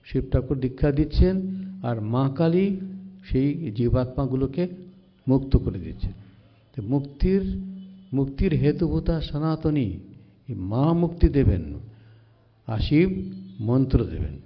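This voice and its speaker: Monk, measured sermon. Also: male voice, medium pitch, very animated. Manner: measured, recites verses slowly and retells sacred stories. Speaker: monk giving a spiritual discourse. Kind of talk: devotional sermon. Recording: slightly dull lo-fi recording.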